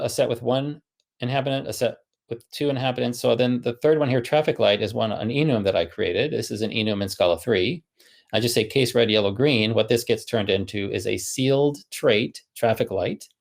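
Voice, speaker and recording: Gravelly-voiced man giving a tech talk. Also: lowish voice, darkish tone. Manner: thinking aloud, frequent fillers and restarts. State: running out of breath. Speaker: conference speaker. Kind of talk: technical conference talk.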